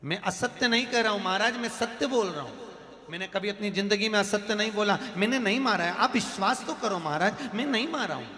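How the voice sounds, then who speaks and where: A man's voice: sits high, moderate pace, fairly bright tone, in a large hall. A man voicing a pleading wronged priest. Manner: pleading, repeated protests.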